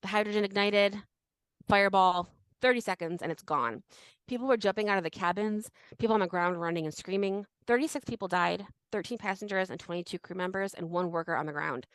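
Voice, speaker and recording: A woman co-hosts a podcast in relaxed conversation. She tells the story at length in an easygoing voice full of fillers. Her voice sits at a middle pitch with a dry, close sound. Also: fairly quick, smooth, dry recording. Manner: chatty storytelling, filler-heavy. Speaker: podcast co-host. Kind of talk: casual chat.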